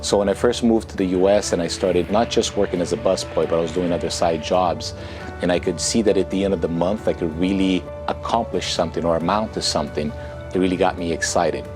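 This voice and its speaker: With music underneath, this author and entrepreneur promotes his book through a sincere, reflective testimonial in his second language, English. He's in his thirties, Brazilian-accented with Portuguese as his first tongue, and his low voice runs a little fast with fairly even intonation.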